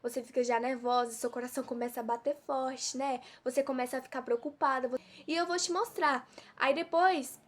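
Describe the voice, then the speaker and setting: A woman's voice: high-pitched, steady tone, fairly quick. A woman from giving an informal devotional sermon, always throwing rhetorical questions at her listeners. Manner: preachy, full of rhetorical questions. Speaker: preacher.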